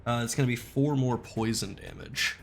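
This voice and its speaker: This game master, whose mid-range voice has vocal fry and moves at a normal speed, leads a tabletop role-playing session over background music. His tone is casual and slangy, and he jokes as he narrates and lays out the rules.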